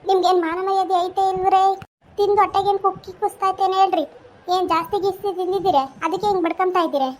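A blunt old village grandmother scolds and lectures in a cartoon, voiced by a performer. Her voice is very high and her words come quickly. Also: fairly even intonation. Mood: scolding. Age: older. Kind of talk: cartoon voice acting.

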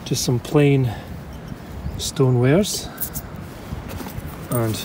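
A man's voice: medium pitch, drawn-out words, background noise. A Scottish man talking casually to camera while digging for old bottles outdoors, chatty and enthusiastic, thinking aloud. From Scotland. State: out of breath at times. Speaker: bottle digger and vlogger. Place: outdoor dig site.

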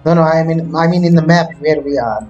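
Male gamer, slightly high voice, casual co-op chat with game music behind. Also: brisk, dull audio.

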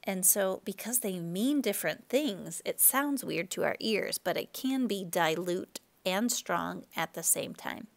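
A woman chemistry teacher giving a relaxed recorded lecture, explaining with fillers and self-corrections. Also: medium pitch, measured pace, creaky, few pauses.

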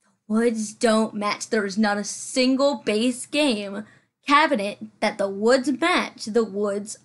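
A woman hosting a build video, rambling in casual voice-over, chatty and self-deprecating, with many fillers, a little out of breath, sitting farther from her mic than usual. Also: a little high. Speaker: Sims building channel host.

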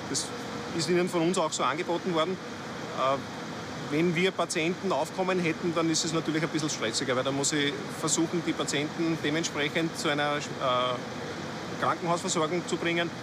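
A middle-aged Austrian rescue commander explains calmly in a fairly high voice. Steady outdoor noise sits behind him. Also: male voice, moderate pace. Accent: Austrian German. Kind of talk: interview. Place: outdoors at night.

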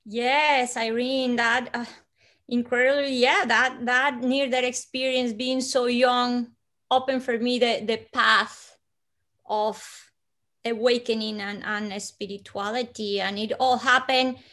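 Speaking as an interview guest on a video call, a Colombian woman in her forties relates a personal story from her living room at home. Her Colombian Spanish accent comes through a slightly high voice with a level tone, slow and hushed, with soft breathy dips and sudden lifts.

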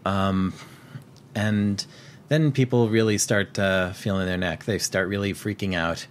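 A deep-voiced man talks through a movie's plot in a relaxed, meandering way, filling pauses with ums and restarting his sentences. A faint rumble sits under the recording. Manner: rambling with frequent fillers and restarts. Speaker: podcast co-host. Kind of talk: casual film recap chat.

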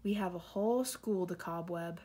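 Woman reading as eager Papa Bear, softly spoken. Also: lowish voice, normal speed, slightly rough. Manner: enthusiastic, gets carried away. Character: eager fussy father bear.

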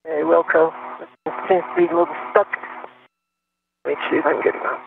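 A man's voice: on the high side, steady tone, normal speed, gravelly. A man on a spacewalk giving terse procedural callouts over a crackly space-to-ground radio link. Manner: clipped, procedural. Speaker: astronaut on a spacewalk. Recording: tinny radio channel with faint hiss.

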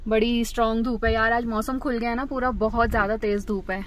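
A high-voiced woman talks through her travel vlog in an easy, chatty way, slipping English phrases into her Hindi and laughing often. She is out on the streets of a mountain town. Steady outdoor noise runs under her voice. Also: a little fast. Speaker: travel vlogger. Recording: noisy outdoor background.

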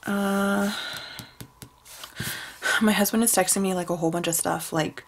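A woman's voice: mid-range voice, steady tone, measured pace, a little hiss or hum. A young woman chatting casually in a plan-with-me vlog, rambling with many fillers as she plans out her week. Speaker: planner sticker shop owner.

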